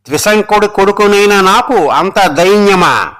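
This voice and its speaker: A man's voice: high voice, expressive, normal speed, fairly bright tone. A man voicing a proud, grieving king in a storybook reading, speaking with solemn, anguished declaiming. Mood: grave.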